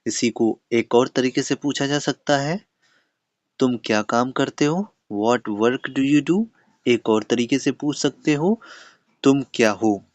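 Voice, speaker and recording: A man with an Indian English accent teaches everyday English questions and answers, dictating each example slowly and deliberately. His voice sits at a middling pitch and is recorded close and dry, with little sense of a room. The sound is a little dull and lo-fi. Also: no echo. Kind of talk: spoken language lesson.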